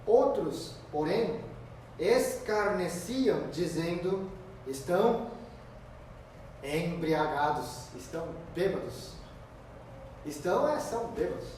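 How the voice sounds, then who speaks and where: Heard from a distance in a highly reverberant, noisy sanctuary, this male pastor preaches an expository sermon in a slightly high, animated voice. His emphatic style stretches out important words and shifts back and forth between booming and quiet.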